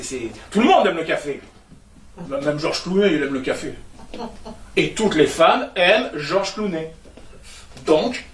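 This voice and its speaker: A man's voice: on the high side, fairly bright tone, a little hiss or hum. An actor playing an awkward, tactless man who stammers when flustered, heard on a stage. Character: awkward clumsy man, self-satisfied and tactless. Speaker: office worker and neighbour. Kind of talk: stage comedy acting. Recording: echoey stage sound from far off.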